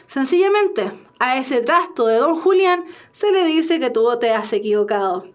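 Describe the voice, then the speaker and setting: Casting: Chilean woman as a teasing young daughter, high and light. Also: expressive, measured pace. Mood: coaxing. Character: young daughter, pleading and teasing her father. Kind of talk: reading a play aloud in class.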